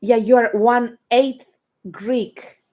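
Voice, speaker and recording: A woman's voice: fairly high pitch, fairly even intonation, drawn-out words, dark tone. Bickering young woman. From England. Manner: bickering, swears casually. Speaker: band member co-hosting a stream. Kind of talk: casual banter.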